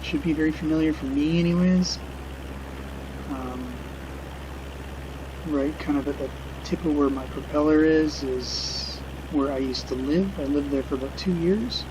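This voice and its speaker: Here a middle-aged streamer flies a simulator and comments off the cuff, musing and hesitant, taking his time as if reminiscing. His voice is a little high, and background noise is audible.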